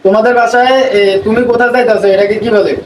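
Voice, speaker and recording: High-pitched man hosting, Feni Bengali accent. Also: steady tone, rapid-fire, crowd noise. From Feni, Bangladesh. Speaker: video host asking questions. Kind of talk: casual vlog chat. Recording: distant, echoey room with background noise.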